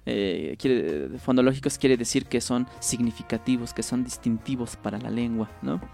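A man's voice: mid-range voice, moderate pace, creaky, mellow, faint music behind. A man, a linguist whose first language is Mazahua, patiently explaining ideas on a radio program and checking in with the listener as he goes. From State of Mexico. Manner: patient, explains with examples, frequent "¿no?" tags. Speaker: linguist guest.

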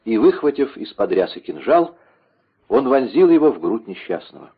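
A man narrating an audiobook in a measured, dramatic storytelling voice. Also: mid-range voice, sing-song, breathy edge. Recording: dull lo-fi recording.

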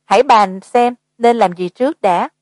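A woman doing a gruff, impatient veteran man. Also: fairly high pitch, normal speed, darkish tone, no echo, close to an everyday voice. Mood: curt. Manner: curt, impatient.

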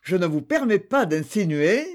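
A man's voice: sits high, sing-song, normal speed. A man voicing a proud young man under suspicion who answers defensively. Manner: defensive, tense.

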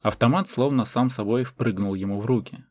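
A man reading a fantasy novel as audiobook narration in a measured way. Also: medium pitch, darkish tone, dry recording. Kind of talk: scripted narration.

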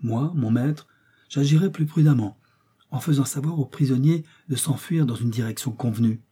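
A man's voice: mid-range voice, normal speed, mellow, slightly rough, voice pushed up. A man voicing a loyal young manservant who speaks earnestly and respectfully to his master.

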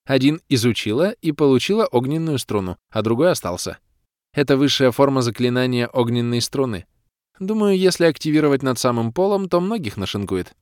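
A man voicing a young female adventurer who calmly explains a magic scroll. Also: medium pitch, brisk, dry recording, clean studio sound, voice pushed up, close to an everyday voice. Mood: explaining. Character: young female adventurer, matter-of-fact spellcaster.

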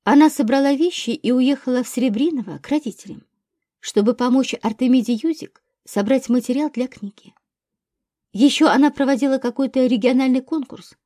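A grown son faces questioning with restraint, read by a woman. His answers come calm and measured. The voice sits a little high and mellow, recorded close and dry. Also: no room sound. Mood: restrained.

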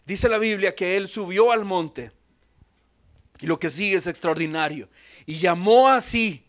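A man's voice: sits high, normal speed, fairly bright tone. A young adult man, a pastor, preaching a sermon, telling a personal story and then pressing his point with emphatic calls to prayer. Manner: earnest preaching with a personal anecdote, rising to emphatic exhortations.

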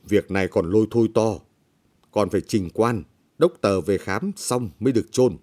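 A greedy village official barks and sneers, pushing his victims around with contempt, as a male reader puts him on. The voice sits low and dark with a husky edge, rising in force when he threatens. It belongs to a storybook reading. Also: moderate pace, lightly acted. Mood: menacing. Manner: harsh, blustering, scornful.

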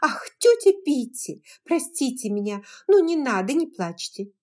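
A woman's voice: high-pitched, big pitch swings, unhurried, warm tone, voice pushed up, full character voice. A woman voicing a willful, spoiled young widowed belle who talks in a petulant, pleading way.

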